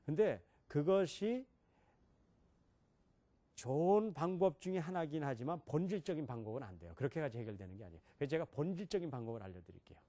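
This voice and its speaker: A man's voice: on the high side, animated, quick pace, mellow. A middle-aged man giving a classroom lecture on English pronunciation, questioning his listeners and demonstrating sounds.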